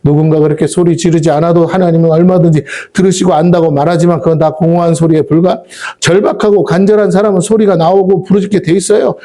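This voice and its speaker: A middle-aged man preaching a fervent sermon as a pastor, rising to shouts and asking his congregation questions. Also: fairly high pitch, fairly even intonation, quick pace.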